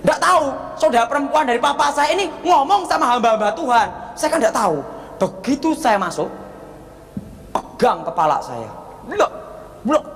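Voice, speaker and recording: A man's voice: very high voice, big pitch swings, moderate pace, fairly bright tone. Male pastor in a reverberant hall. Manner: storytelling with acted dialogue and exclamations. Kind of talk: sermon testimony. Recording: long reverb of a large hall.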